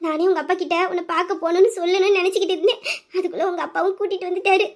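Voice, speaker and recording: A woman's voice: very high voice, fairly even intonation, very fast. A woman voicing a loving middle-aged mother who speaks in a heartfelt, homely way about her married daughter.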